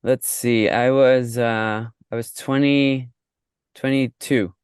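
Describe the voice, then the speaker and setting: American-accented man in his thirties, smooth and clear. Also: mid-range voice, steady tone, slow, no room sound, studio quality. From Mexico, raised in the United States. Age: 30s. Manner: thoughtful, repeats words while thinking aloud. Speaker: guest coach. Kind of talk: casual podcast interview.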